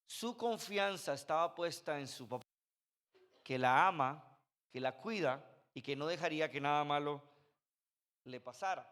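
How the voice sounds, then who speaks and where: Man, 30s, high-pitched, conversational storytelling preacher. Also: lively intonation, moderate pace, long pauses, fairly bright tone. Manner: conversational storytelling with sound effects. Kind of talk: sermon. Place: church. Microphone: handheld microphone.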